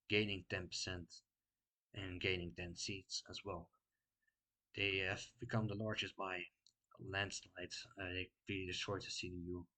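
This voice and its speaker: A man with a Dutch accent casually walking through election results in a vlog, pausing often with fillers while he explains. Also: sits low, bright, forceful tone, poor audio. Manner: unscripted, many filler pauses while explaining. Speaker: political commentary vlogger.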